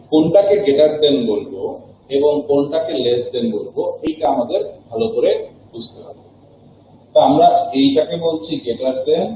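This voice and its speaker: A patient male math teacher walks students through a lesson at a digital board, repeating each point and checking they follow. His voice is mellow and slightly high. It rings out in a very echoey classroom, picked up from well away from the mic. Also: distant mic, slight background noise.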